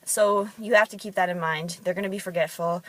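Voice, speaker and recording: Chatty low-voiced woman telling stories. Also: steady tone, a little fast, fairly bright tone, no room sound. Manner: chatty, with frequent ums. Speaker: fitness worker and bodybuilding competitor. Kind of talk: casual storytelling monologue.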